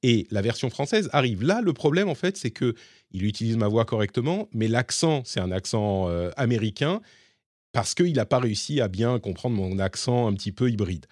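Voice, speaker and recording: A male podcast host talks through new tools in a relaxed, chatty way. His voice sits at an ordinary pitch. The sound is dry and close, with little room around it. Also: moderate pace, dry recording. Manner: explaining and demonstrating tools live, chatty. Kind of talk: casual tech chat.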